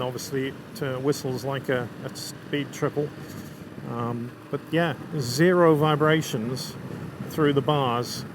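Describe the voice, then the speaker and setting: A man with a Lancashire accent gives casual, chatty commentary to viewers as a motorcycle vlogger, enthusiastic and riding outdoors. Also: mid-range voice. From England. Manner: chatty, enthusiastic about scenery and bike. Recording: constant road, wind and vehicle noise.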